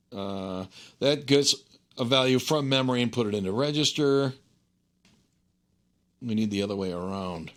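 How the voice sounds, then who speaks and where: A man teaching an informal technical tutorial, thinking aloud in a conversational way and often checking in with a quick okay or right. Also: lowish voice. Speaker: instructor.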